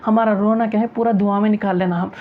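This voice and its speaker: A woman's voice: medium pitch, fairly even intonation, narrow, tinny audio. A woman teaching a religious class, repeating points and answering her own rhetorical questions. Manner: rhetorical questions answered herself, repetitive and earnest. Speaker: Quran recitation teacher.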